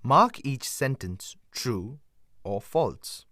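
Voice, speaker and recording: Male course narrator, clear scripted instructions, lively pitch, slow and deliberate. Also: no echo, clean studio sound.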